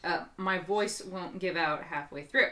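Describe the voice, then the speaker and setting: A woman co-hosting a casual talk show, chatty and quick to laugh, her throat a little strained. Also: lowish voice. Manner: chatty, laughs often, animated bursts. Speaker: podcast co-host. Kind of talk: casual chat.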